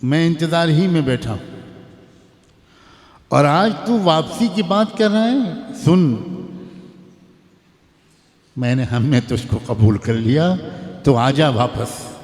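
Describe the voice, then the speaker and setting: A man's voice: medium pitch, expressive, pauses often, a little mellow. A middle-aged man with an Indian Urdu accent giving an emotive sermon, reciting Arabic passages and explaining them. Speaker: Islamic scholar. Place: gathering hall. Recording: hall reverb.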